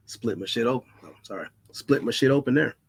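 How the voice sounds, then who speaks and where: A man's voice: medium pitch, lively intonation, gravelly, slight background noise. Blunt, profane man telling a story. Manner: blunt, profane, dramatic pauses. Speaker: vlogger. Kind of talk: casual storytelling monologue.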